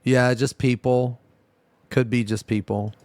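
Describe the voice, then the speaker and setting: A man's voice: medium pitch, level tone, unhurried, darkish tone, no room sound. A man, a streamer, reacting to a video with casual commentary and profane, slangy interjections like bro and dude.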